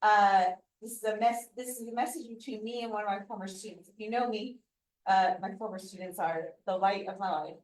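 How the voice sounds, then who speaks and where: A woman's voice: medium pitch, steady tone, brisk, a little mellow, reverberant, distant mic, rough recording. A woman from Eastern Kentucky moderating a community forum, giving emotional closing remarks close to tears. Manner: emotional, voice breaking near tears. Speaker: event moderator.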